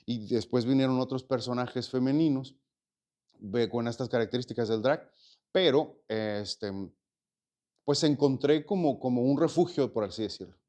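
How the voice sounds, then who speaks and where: A man's voice: medium pitch, normal speed, a little mellow. A man in his forties from Mexico, an actor and stage producer, answering interview questions in a reflective, rambling way with many fillers and repeated words. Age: 40s. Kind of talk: casual interview conversation.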